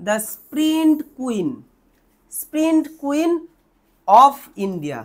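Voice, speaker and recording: Brief: young Bengali-accented woman, classroom teacher, high voice, asks and answers her own questions. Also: very animated. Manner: asks questions and answers them herself, repeats words slowly. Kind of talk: classroom lesson explanation.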